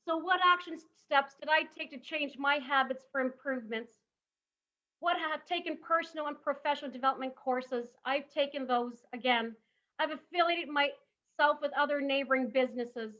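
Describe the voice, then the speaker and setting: A woman in her thirties delivers a motivational talk in a high, bright voice. She leans on emphatic rhetorical questions. The audio sounds a little dull and lo-fi. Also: normal speed. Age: 30s. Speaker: summit speaker.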